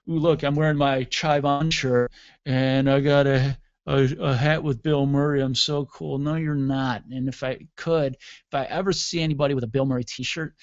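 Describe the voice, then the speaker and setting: A man's voice: fairly high pitch, no echo, highs cut off. A middle-aged man hosting a radio show, delivering a sarcastic, mocking comedic rant on his own.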